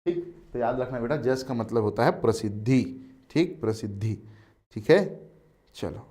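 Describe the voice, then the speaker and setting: Speaking at a medium pitch and normal speed, a Chhattisgarhi-accented man teaches an exam coaching class. His style is lively and forceful; he repeats important words and calls his students "beta".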